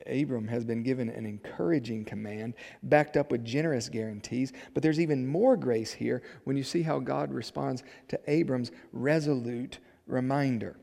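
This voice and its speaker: A man preaching a sermon as pastor, swinging from loud emphatic declarations to quiet low asides. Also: normal speed, gravelly, few pauses. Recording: echoey hall with long reverb.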